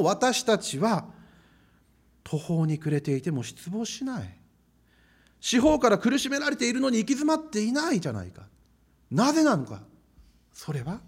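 Male pastor, sermon, high lively voice, emphatic repetition. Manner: emphatic, repeating phrases for stress.

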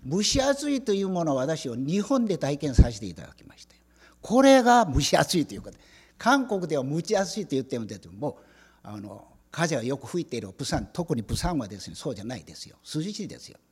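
A man from South Korea, Korean his first language, preaching a sermon with animated storytelling, acting out the dialogue and asking the congregation questions. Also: a little high, brisk, husky, in a large hall. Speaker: pastor.

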